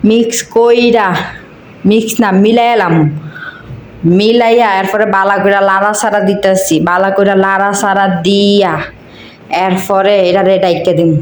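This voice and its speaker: A woman's voice: medium pitch, little pitch movement, normal speed. Woman from cumilla, thick local dialect, chatty cooking talk, echoey kitchen, bit of noise behind. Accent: Cumilla Bengali dialect. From Cumilla, Bangladesh. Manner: chatty, talks to viewers as friends while cooking. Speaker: cooking vlogger. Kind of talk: casual cooking narration.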